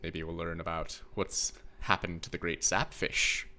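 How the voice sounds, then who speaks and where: A man's voice: low-pitched, little pitch movement, unhurried, bright, forceful tone, a little hiss or hum. A man giving casual video game commentary, with wry, sarcastic asides. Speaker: let's play host.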